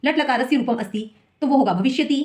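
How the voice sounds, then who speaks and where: Speaking quickly in a high-sitting voice, a woman reads exam questions aloud one by one. After each, she explains the solution step by step so her students can follow.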